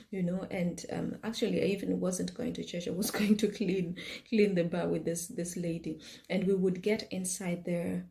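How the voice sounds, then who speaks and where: A woman's voice: mid-range voice, creaky, warm tone. A woman from Kenya, likely in her thirties, casually telling her own life story to camera, chatty and full of fillers and repeated words.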